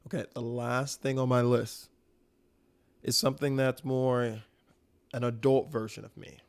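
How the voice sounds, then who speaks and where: A man's voice: mid-range voice, flat delivery, unhurried, creaky, smooth. A young man from the American South hosting a casual solo podcast, talking about food with enthusiastic, rambling energy and casual swearing. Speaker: podcast host.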